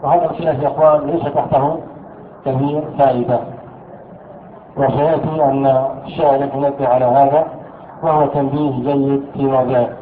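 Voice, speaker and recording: A man teaching an Arabic grammar lesson. He asks his students questions, answers them himself and repeats key words slowly. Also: medium pitch, flat delivery, slight background noise. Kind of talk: classroom lesson explaining a text. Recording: echoey room over a thin phone-like line.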